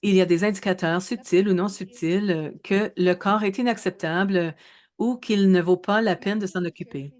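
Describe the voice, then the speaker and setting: A woman in her thirties giving a research presentation in a webinar, speaking in a measured way with frequent hesitations and self-corrections. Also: medium pitch, fairly even intonation, a little mellow. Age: 30s.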